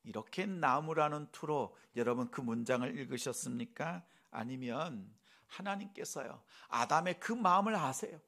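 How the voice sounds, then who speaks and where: A male pastor preaching a sermon, asking the congregation questions and acting out gentle quoted speech. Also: mid-range voice, animated, normal speed. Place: church sanctuary.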